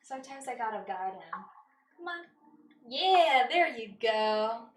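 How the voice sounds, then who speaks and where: A woman's voice: on the high side, lively intonation, unhurried. A woman livestreaming in a casual, chatty way, cooing and doting as she talks to her cats. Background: faint background music.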